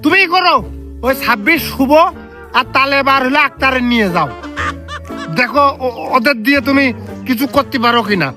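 A man voicing a mocking, scornful male gang boss who sneers and hums slowly in a comic sketch. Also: very high-pitched, animated, music in the background.

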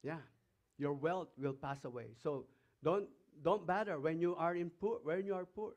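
This muffled recording captures a male pastor from the Philippines with a Filipino accent, his voice on the high side and darkish in tone, moving at a moderate pace. He preaches a sermon, reading scripture aloud between remarks and firing emphatic questions at the congregation.

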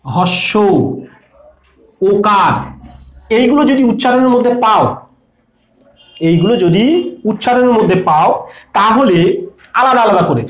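Patient exam-prep teacher, asks and answers, roomy echo. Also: mid-range voice. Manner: explains patiently, asks questions and answers them. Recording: echoey room.

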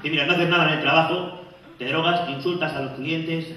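A man's voice: fairly high pitch, fairly even intonation, a little fast, bright, forceful tone, a little hiss or hum. A man [name] doing a stand-up comedy monologue, joking and acting out the voices of people in his stories on a stage before a live audience. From [name], Spain. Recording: echoey hall, far off, audience.

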